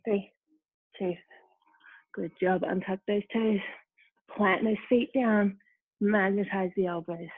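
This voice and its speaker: A woman's voice: medium pitch, fairly even intonation, slow pace, long pauses. Tinny-sounding woman cueing a yoga class. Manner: short encouraging movement cues. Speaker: yoga instructor. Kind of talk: guided yoga class instruction. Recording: tinny phone-like dry sound.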